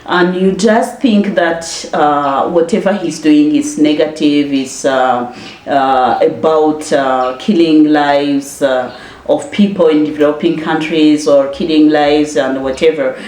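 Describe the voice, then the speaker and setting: A woman from Rwanda speaking directly to viewers, halting with frequent filler pauses. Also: sits low, fairly even intonation, a little mellow, reverberant. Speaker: commentator addressing viewers. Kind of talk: direct-to-camera personal address.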